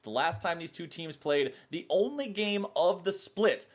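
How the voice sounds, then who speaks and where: A man's voice: on the high side, animated, measured pace. A man doing live esports play-by-play commentary with casual banter, in a jokey, colloquial showman's manner.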